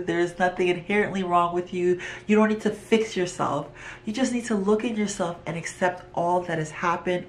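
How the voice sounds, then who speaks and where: A middle-aged woman, originally from Trinidad and Tobago, gives a heartfelt pitch for her business. Her voice sits a little low, and she speaks earnestly, sometimes restarting a phrase as she searches for the words. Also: slight background noise. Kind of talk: pitch video monologue.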